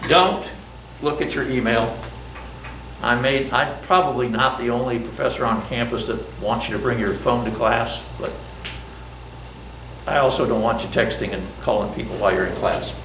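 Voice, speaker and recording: A man's voice: mid-range voice, fairly even intonation, moderate pace, gravelly, noisy background. An older man lecturing a college class through a mask, chatty, joking at himself and asking the students questions. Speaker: college instructor. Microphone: masked, speaking in a classroom. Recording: roomy classroom sound from a distance.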